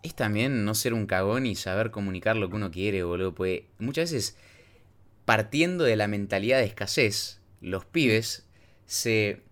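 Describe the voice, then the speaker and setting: A man's voice: fairly low pitch, moderate pace, a bit bright. A man with an Argentine Rioplatense accent, co-hosting a casual podcast, talking in slang with casual swearing and math analogies. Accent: Argentine Rioplatense Spanish. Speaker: podcast co-host.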